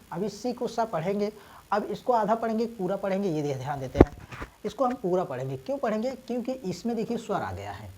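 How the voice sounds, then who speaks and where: A woman teacher who is unwell and coughs now and then, explaining reading rules step by step, spelling letters out slowly and asking and answering her own questions. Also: medium pitch, dark tone, a little hiss or hum, low-quality recording. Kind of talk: English reading lesson taught in Hindi.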